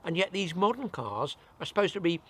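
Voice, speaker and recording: A man's voice: sits high, big pitch swings, fairly quick, fairly bright tone, breathy edge. An older British man hosting an outdoor channel, chatting casually and rambling with a self-mocking humour at a forest cabin. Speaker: channel host.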